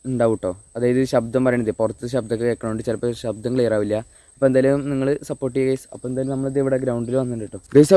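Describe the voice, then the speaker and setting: Fast-talking young Thrissur man, English-sprinkled Malayalam. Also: medium pitch, darkish tone. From Kerala, India. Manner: Malayalam sprinkled with English words, often addressing viewers. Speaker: vlogger. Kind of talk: casual day-in-the-life vlog. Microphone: handheld camera or phone without external mic.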